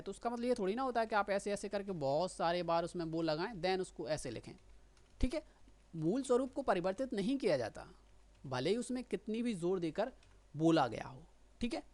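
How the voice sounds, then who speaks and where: A woman teaching shorthand, explaining patiently and often checking that listeners follow. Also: medium pitch. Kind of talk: explanatory lesson.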